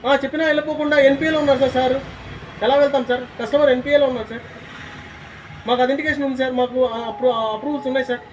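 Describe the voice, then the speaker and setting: A man's voice: very high voice, level tone, racing, distant mic, slight background noise, low-quality recording. A man arguing insistently as a recovery agent, repeating himself and calling the other man sir. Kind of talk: heated argument.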